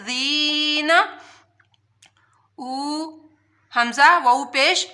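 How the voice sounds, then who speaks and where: High bright woman teaching recitation. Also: fairly even intonation. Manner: spells letters and vowels, then chants each word slowly and drawn out; quick explanations between slow recited words. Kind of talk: tajweed lesson, word by word.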